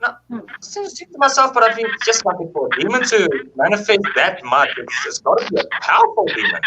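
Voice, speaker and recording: A man telling a paranormal story in a casual, animated way, acting out quoted dialogue and swearing freely. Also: sits high, fairly quick, a little hiss or hum, low-quality recording.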